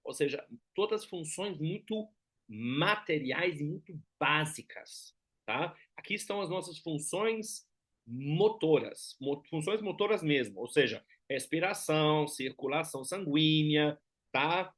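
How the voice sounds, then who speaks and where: A German Enneagram teacher with a German accent gives an explanatory lecture, often checking in with short tag questions. His voice is a little high, a bit bright and expressive, and he speaks unhurriedly.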